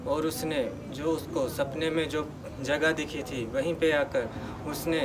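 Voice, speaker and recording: Young male travel vlogger, casual and chatty, outdoor camera mic with clear background noise. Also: fairly high pitch, flat delivery, measured pace, distant mic. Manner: chatty, addresses viewers as guys. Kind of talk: casual travel vlog narration. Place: outdoors on a misty hillside.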